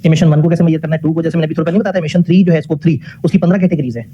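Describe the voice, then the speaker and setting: A man's voice: a little high, steady tone, racing, slightly rough, lo-fi sound. A man giving a classroom lecture. He puts questions to the class, answers them himself, and mixes English technical phrases into his talk.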